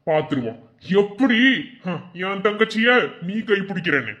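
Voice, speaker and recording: A man's voice: high voice, big pitch swings, normal speed, fairly bright tone, highs cut off. A man voicing a hot-headed young village man in a cartoon, taunting and threatening his rival cousin in a Madurai Tamil accent. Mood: menacing. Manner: taunting and menacing.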